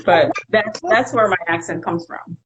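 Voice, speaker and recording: A woman's voice: mid-range voice, wildly swooping pitch, takes it slowly, a little hiss or hum, poor audio. A woman in her forties from Suriname, Dutch by first language, with a Dutch accent, talking frankly and reflectively as an interview guest. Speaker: guest entrepreneur. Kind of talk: casual interview chat.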